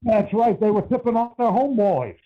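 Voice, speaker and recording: A man's voice: high voice, lively intonation, a little fast, noisy background. An older man calling in to a talk radio show over a muffled bluetooth headset phone line, telling a story in a blunt, rambling way. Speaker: caller.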